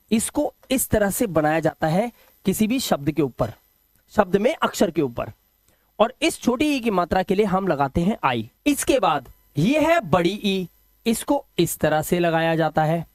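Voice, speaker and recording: A man explains a lesson in a high, animated voice and keeps asking his viewers questions before he answers them himself. The sound is dry and close, with no room around it. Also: no echo. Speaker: English teacher. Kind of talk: classroom-style video lesson.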